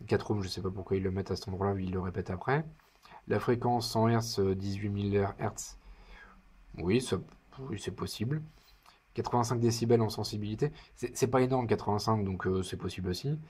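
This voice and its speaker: A man's voice: on the low side, fairly even intonation, brisk, a little mellow, husky. A man giving casual unboxing commentary in his living room, chatty and hesitant with wry asides. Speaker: product reviewer.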